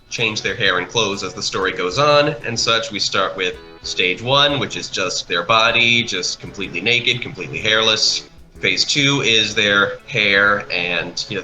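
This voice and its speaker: The audio is poor, with music in the background, as a man with a sharp-toned, lowish voice talks off the cuff. Co-hosting a speedpaint commentary as the creator of an animation project, he keeps losing his thread and rewording his thoughts.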